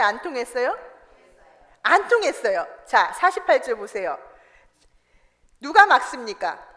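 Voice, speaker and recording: A woman preaching a sermon in a church, animated and asking the congregation questions that she answers herself. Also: high voice. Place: church sanctuary. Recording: reverberant church hall.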